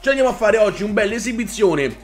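A young man with a high voice talks his viewers through a wrestling video game. He sounds hyped, curses freely and shouts whenever something big happens on screen. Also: quick pace, faint music behind. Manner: energetic, swears and shouts at the game. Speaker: gaming YouTuber. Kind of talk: excited gameplay commentary.

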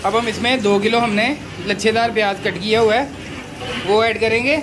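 A man hosting a cooking channel, calmly explaining each step of a big-pot recipe as he works in an outdoor courtyard. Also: sits high, moderate pace. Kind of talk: cooking demonstration narration. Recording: noisy outdoor recording.

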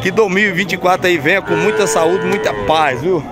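A chatty man with a Northeastern Brazilian accent, speaking in a fairly high voice while he walks through an open-air cattle market. He keeps up an upbeat, friendly patter with sellers and viewers. A loud, busy crowd murmurs all around him. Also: a little fast. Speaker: vlogger touring a cattle market. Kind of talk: casual walk-around vlog with interviews. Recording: loud crowd noise outdoors.

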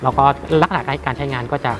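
Halting man presenting products over music. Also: mid-range voice. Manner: halting, with frequent repeats and long hesitations. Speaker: radio equipment seller. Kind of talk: informal product demonstration.

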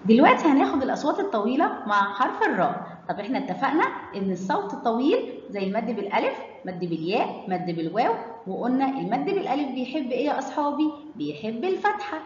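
An Egyptian woman teaching children to read, in a lively, fairly high voice that swings widely in pitch. She draws out each syllable as she sounds out a word. The recording is slightly dull, in an echoey room with a long reverb tail. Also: fast talker, a little hiss or hum. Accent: Egyptian Arabic. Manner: stretches out syllables when sounding out words; asks children questions and answers them herself. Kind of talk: children's reading lesson.

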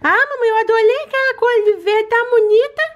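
A woman's voice: extremely high pitch, steady tone, fairly quick, dull audio, voice pushed up. A woman voicing a sweet, eager little girl doll.

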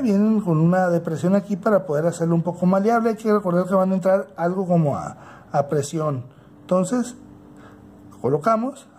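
A Mexican man hosts a casual unboxing at a tabletop indoors, recorded with slight background noise. His voice sits at a fairly high pitch for a man, and he speaks in an unhurried, halting way, as if thinking aloud while his hands are busy. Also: darkish tone. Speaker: toy unboxing channel host.

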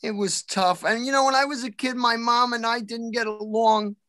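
A man from New City, delivering deadpan stand-up one-liners with deliberate timing from home for a virtual open mic. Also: very high voice, no echo, studio quality. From New York City. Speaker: stand-up comedian. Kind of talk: stand-up comedy routine.

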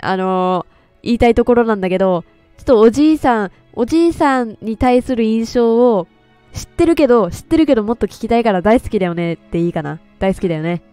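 A woman streamer doing loud, excitable let's play commentary into a close mic. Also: on the high side, brisk, smooth, dry recording, faint music behind. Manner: excitable, loud, laughs often. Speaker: game streamer.

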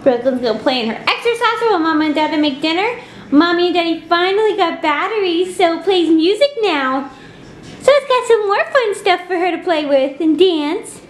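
Chatting for her family vlog at home, this young mom giggles a lot and coos at her baby girl. She has a very high voice with lively intonation and a brisk pace, and there's a little hiss or hum on the recording.

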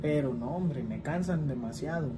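The recording is very noisy as a man in his twenties, with a slightly high voice and moderate pace, chats in a home vlog. He speaks with a Mexican Spanish accent, answers questions in a rambling way, and often tags lines with "¿verdad?". He's in a small room with a plain wall.

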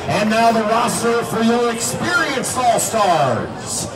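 A man's voice: very high-pitched, very animated. Male stadium announcer, echoey distant PA. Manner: projected, deliberate, drawn-out names. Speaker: stadium public address announcer. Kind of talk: ceremonial player introductions, announcing. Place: outdoor baseball stadium, heard over loudspeakers. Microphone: announcer's PA captured from the stands. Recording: distant echoey stadium PA, crowd, loud music. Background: crowd and loud music.

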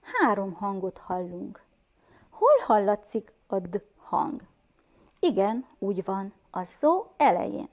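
Patient lively woman teaching young children. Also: medium pitch. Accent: Transylvanian Hungarian. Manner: patient, sounds out words slowly and clearly, asks children questions. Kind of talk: first-grade reading lesson for children.

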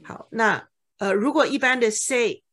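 Husky woman patiently explaining vocabulary. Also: on the high side, unhurried, fairly bright tone. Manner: patient, repeats key words with OK checks. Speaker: English vocabulary tutor. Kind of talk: explaining word meanings in a lesson.

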